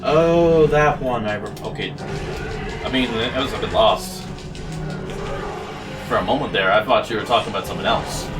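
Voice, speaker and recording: An excitable man chatting over a game playthrough, laughing often and tripping over repeated words. He sounds a bit far from the mic, with game music running underneath. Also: mid-range voice, moderate pace, long pauses. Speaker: let's play commentator. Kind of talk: casual group banter.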